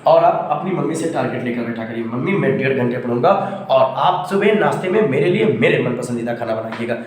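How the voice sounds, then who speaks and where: A man's voice: mid-range voice, lively intonation, a little fast. A man teaching a school math lesson, speaking fondly to the children and acting out their replies. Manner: affectionate, playacts students' replies. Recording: very echoey room, faint background noise.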